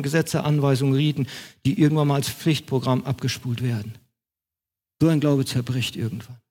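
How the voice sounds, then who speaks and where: A man preaching a sermon in German as pastor of his congregation, with an emphatic, repetitive cadence. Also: a little high.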